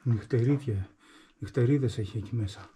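A man's voice: mid-range voice, dark tone, slight background noise. A man from Greece chatting casually while exploring a cave, curious and always pointing things out, with a handheld camera. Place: inside a rocky cave.

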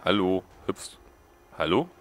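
A man's voice: deep voice, expressive, slow, soft background music. A man giving casual gameplay commentary as a let's play host, joking and mocking the characters on screen.

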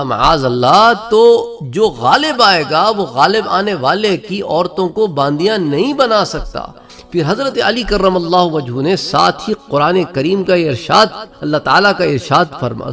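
A man's voice: on the high side, creaky, a bit bright. A man giving an Islamic history lecture, telling the story with quoted speech and recited verses. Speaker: religious lecturer.

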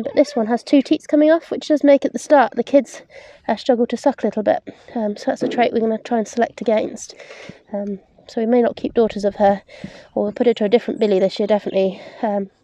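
A woman's voice: on the high side, mellow, dry recording. A young woman in her twenties, a livestock keeper from England, casually explaining goat hoof trimming as she works, with plenty of ums, recorded outdoors and in a large farm barn. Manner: practical, explains while working, frequent "um".

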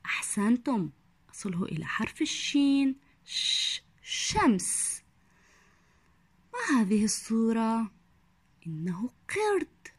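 A young woman teaches a phonics lesson to small children, stretching each sound out slowly and whispering her praise. Her voice sits fairly high. The recording is dry and close, with no room echo. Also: breathy edge. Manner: drawn-out syllables, soft whispered praise. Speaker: primary school teacher.

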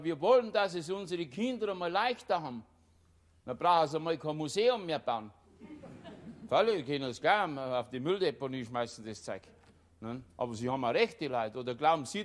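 An older man with a Bavarian accent doing a satirical stage monologue, rambling and breaking himself off, tagging nearly every line with a little question. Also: on the high side. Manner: rambling, self-interrupting, tags lines with "ne?" and "gell?". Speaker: cabaret performer. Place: live stage before an audience.

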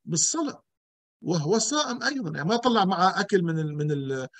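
Emphatic man preaching high. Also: animated, quick pace, a bit bright, no room sound. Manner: emphatic, with rhetorical questions and repetition. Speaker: pastor. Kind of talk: sermon teaching.

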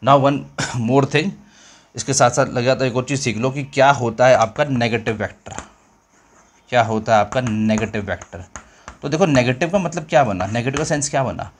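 A chatty male physics teacher explains a basic lesson in casual Hindi mixed with English phrases. He repeats his points and keeps asking the class if they follow. His voice sits at an ordinary middle pitch. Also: moderate pace, a little hiss or hum. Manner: chatty, repeats himself, mixes English phrases, calls viewers children.

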